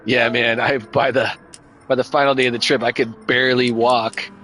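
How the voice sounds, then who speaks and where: A middle-aged sim racing streamer chats casually while he races, over loud background music. His mid-range voice moves little in pitch at a moderate pace, and it sounds tired as he loses it. He's laid-back and rambling and keeps saying "man."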